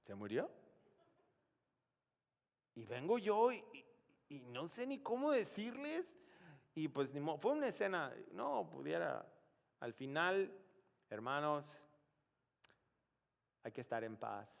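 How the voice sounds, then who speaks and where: A male pastor preaching a sermon, telling a story dramatically, dropping to a hush and then rising to shouts. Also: on the high side, big pitch swings, slow, vocal fry, pauses often, big-room sound. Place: church.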